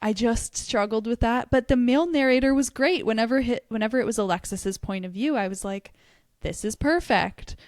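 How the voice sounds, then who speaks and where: A woman's voice: on the high side, a little fast, hardly any pauses, darkish tone, no room sound, studio quality. A young woman co-hosting a book podcast, chatting casually and animatedly, laughing often. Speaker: podcast co-host. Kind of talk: casual book review chat.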